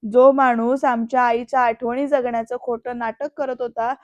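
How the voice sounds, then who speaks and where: Woman voicing a furious young man, shouting. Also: fairly high pitch, level tone, normal speed, no echo, natural voice. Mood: angry. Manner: shouting, raised voice. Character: furious young man confronting his father. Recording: dull lo-fi dry voice-over.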